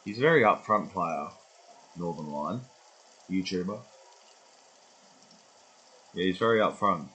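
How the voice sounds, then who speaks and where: A young man in his twenties talks in a meandering, unscripted vlog monologue. His voice is fairly low and husky. He swears freely and often loses the thread of what he is saying. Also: expressive, a little slow, long pauses, pushed and bright, low-quality recording. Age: 20s. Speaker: vlogger. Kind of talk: rambling casual vlog monologue.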